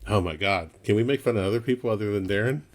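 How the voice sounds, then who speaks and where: A man with a deep, low voice talks easily as a podcast guest. He rambles through stories with plenty of laughter in between, relaxed and conversational. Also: fast. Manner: chatty storyteller, laughs often. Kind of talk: casual chat.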